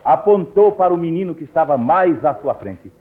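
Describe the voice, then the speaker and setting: A man with a Brazilian Portuguese accent, narrating a radio program in a solemn, measured storytelling manner. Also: fairly high pitch, animated. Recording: narrow, tinny old radio recording.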